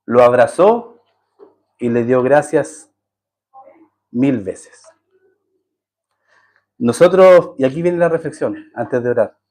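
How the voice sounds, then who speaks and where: Delivering a sermon with slow pacing and long pauses, this Chilean pastor has a medium-pitched, darkish voice with lively intonation. He narrates a story, performs the characters' voices, and poses rhetorical questions to his congregation.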